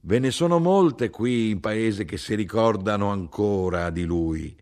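A man reading the part of a blunt, indignant middle-aged mother who talks in a sharp, insistent way. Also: lively intonation, unhurried. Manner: sharp, insistent, rising in pitch.

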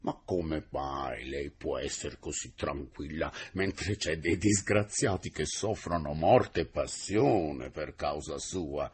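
A man reading aloud and voicing a teasing, jovial middle-aged engineer who speaks slowly and draws out his words. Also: mid-range voice, very animated, slightly rough, voice pushed up, heavily acted. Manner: slow, drawn-out, bantering delivery.

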